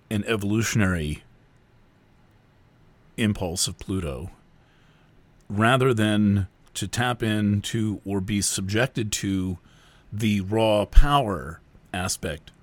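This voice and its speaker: A man giving a spoken astrology forecast in a thoughtful, hesitant way, with many pauses and fillers. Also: lowish voice, no room sound. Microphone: close voice recording.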